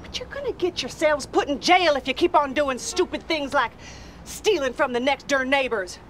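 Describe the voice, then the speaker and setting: A worn-down, determined trailer-park mom. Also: female voice, high-pitched, expressive, normal speed, slight background noise. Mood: firm. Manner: blunt, earnest, plain-spoken country talk. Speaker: mother.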